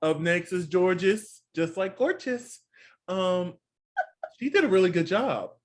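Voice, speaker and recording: Speaking slowly in a high, animated voice, the Texas-born podcast co-host chats through a casual TV recap. He has a Texan accent and drops sassy asides like "honey" throughout.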